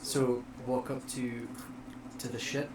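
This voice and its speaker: A man playing a tabletop game, relaxed and joking. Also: medium pitch, slow pace, far from the mic, noisy background. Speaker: player. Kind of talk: casual tabletop role-play.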